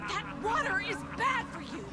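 An actress playing a frantic woman shouting and scolding someone to come back. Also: very high voice, expressive, normal speed, a faint crowd, full character voice. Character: frantic woman calling after a man.

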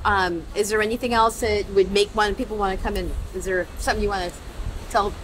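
A woman's voice: medium pitch, brisk. A woman hosting a local vlog, interviewing business owners in a casual, upbeat way with plenty of ums. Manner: upbeat, chatty, many ums. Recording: camera audio with steady background noise.

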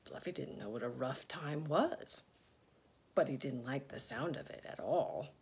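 A woman storyteller reading a picture book aloud in a slow, expressive manner. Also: extremely low pitch, a little hiss or hum.

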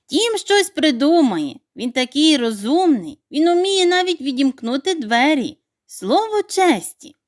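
A woman's voice: sits high, very animated, measured pace, few pauses, pitched above the performer's own voice. A woman voicing a brave, loyal young male dog who speaks urgently and eagerly. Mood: reassuring.

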